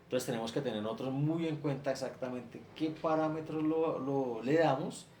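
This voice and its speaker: A man's voice: medium pitch, moderate pace, darkish tone. A male teacher, explaining a spreadsheet lesson step by step and stacking example after example. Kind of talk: screen-share class lecture. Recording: echoey room, faint ambient noise.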